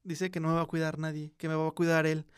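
A man's voice: a little high, flat delivery, quick pace, clean tone. Slangy Mexican man telling a ghost story. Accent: Mexican Spanish. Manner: slangy, swearing, acts out a child's quiet voice in quotes. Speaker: podcast host. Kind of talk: casual storytelling chat.

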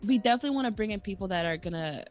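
A woman's voice: medium pitch, lively intonation, racing. A woman in her twenties co-hosting a podcast, talking casually, swearing often and laughing a lot. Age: 20s. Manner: profane, laughing, slangy. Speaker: podcast co-host.

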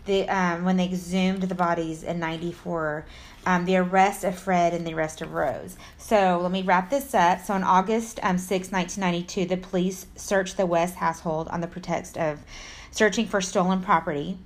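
A woman from Texas, speaking with an American accent, co-hosts a true crime podcast and reads a story informally, throwing in casual asides and the occasional stumble. Her voice sits fairly low, with a steady tone and a moderate pace.

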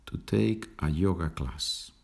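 A man hosting a podcast lesson, patiently explaining Spanish phrases in English and repeating them slowly. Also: deep voice, vocal fry, a little mellow. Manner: slow, patient, explains with small laughs and repeats. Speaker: Spanish teacher, podcast host. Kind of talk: slow bilingual language lesson.

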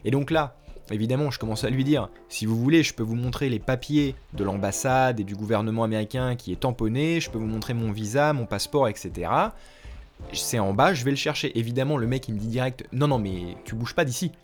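A man's voice: medium pitch, a little fast, soft background music. A young French man telling a story in a casual, slangy way, acting out the lines he quotes. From France. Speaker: language vlogger.

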